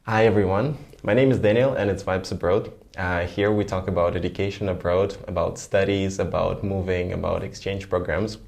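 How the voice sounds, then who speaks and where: Male podcast host, very deep gravelly voice, friendly and prompting. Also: fairly even intonation, normal speed, few pauses, a little mellow. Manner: friendly, prompting questions and affirming often. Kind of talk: casual podcast interview.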